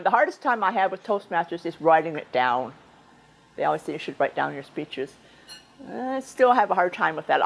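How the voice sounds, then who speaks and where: At a club meeting, a woman from the United States gives a casual, talkative speech in a mid-range, gravelly voice, frequently restarting and going off on asides. The recording is rough.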